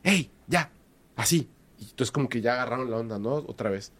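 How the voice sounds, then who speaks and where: Mexican man, casual animated storyteller, hesitant, repeats himself for emphasis. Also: mid-range voice, fast talker. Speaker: guest telling a story.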